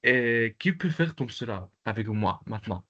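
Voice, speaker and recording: A man teaching an online Arabic class in French, explaining slowly and hesitantly, often repeating words. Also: lowish voice, lively intonation, pushed and bright, muffled recording. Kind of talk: online language lesson. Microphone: video call.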